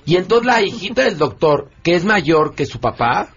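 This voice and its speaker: A man's voice: fairly high pitch, normal speed, husky. A man with a Mexican accent, joking and retelling a film plot in a casual radio chat. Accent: Mexican Spanish. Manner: animated storyteller, joking. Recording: dull lo-fi radio audio.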